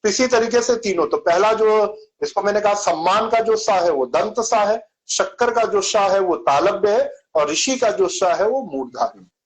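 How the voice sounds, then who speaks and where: A man with a notably high-pitched voice speaks on a video call. He explains patiently, repeating syllables to show how each sound is made. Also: expressive, moderate pace, low-quality recording. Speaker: Sanskrit and yoga teacher. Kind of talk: explanatory online Q&A answer.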